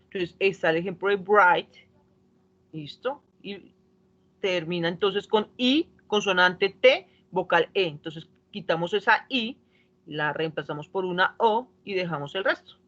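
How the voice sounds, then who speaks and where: A woman's voice: fairly low pitch, a bit bright, lo-fi sound. A woman teaching an online English class, patiently explaining a rule and checking in with students.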